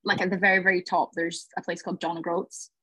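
A woman with a Highland Scottish accent, chatting informally as a podcast guest in a casual interview. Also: little pitch movement, quick pace, sharp tone, breathy edge, no echo, rough recording.

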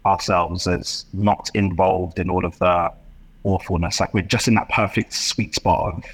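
Speaking a little slowly and in a steady tone, a husky, low-voiced man from West London chats casually as an entrepreneur guest on a podcast. His talk is reflective yet impassioned, unfolding in long, rambling stretches full of restarts, all on poor audio.

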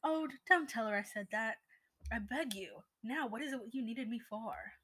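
A woman voicing a blunt young man who mumbles gruffly, sometimes half-whispered, while reading a story aloud. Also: on the high side, expressive, normal speed, bright, forceful tone, exaggerated voice. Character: Ron Weasley, blunt hungry young man.

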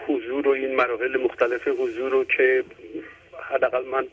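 A man calling in to a talk show, chatting casually and hesitantly, filling his pauses with lots of "uh"s. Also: mid-range voice, little pitch movement, slight background noise. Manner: hesitant, many filler sounds. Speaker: caller. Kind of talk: casual call-in chat. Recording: tinny phone line.

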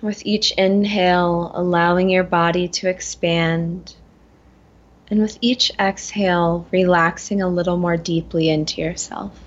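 A woman leading a guided meditation in a gentle, soothing manner, slowly and with long pauses. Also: lowish voice, steady tone, highs cut off. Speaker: guest guiding a meditation.

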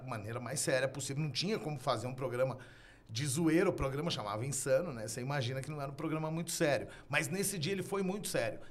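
Brazilian man podcast host, slightly high voice. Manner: relaxed, conversational storytelling. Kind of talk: casual podcast conversation.

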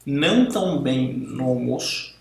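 A man's voice: mid-range voice, animated, measured pace, gravelly, a little mellow. A man co-hosting a podcast, rambling through explanations and defending his opinions. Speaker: podcast co-host. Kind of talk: casual podcast banter. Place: podcast recording room. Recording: very echoey room.

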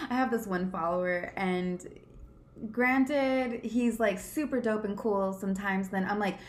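A woman's voice: mid-range voice, measured pace. A woman guest on a podcast in casual chat, playful and joking with casual slang. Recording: echoey room sound.

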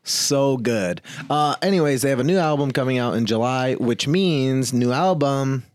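A man's voice: mid-range voice, normal speed, no room sound, clean studio sound. A man co-hosting a podcast, chatting casually and often stumbling over his words. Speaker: podcast co-host. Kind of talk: casual chat.

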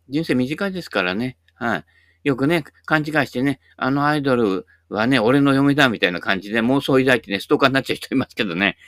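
This casual, rambling monologue comes from a Japanese YouTube host in his sixties, speaking in a fairly low-pitched voice. The studio-quality recording has no room sound. His talk is chatty and folksy, peppered with tag particles and asides.

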